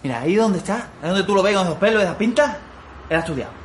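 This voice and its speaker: An actor playing a pompous amateur show director who talks theatrically and flatters people. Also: male voice, high-pitched, racing, a little hiss or hum. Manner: theatrical and wheedling.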